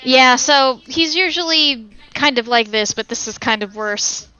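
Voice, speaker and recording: A woman playing in a tabletop game, chatty and quick to laugh. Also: high voice, pushed and bright, clear, resonant tone, no echo. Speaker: player. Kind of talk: casual table talk and in-character play. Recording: dull lo-fi audio with faint music.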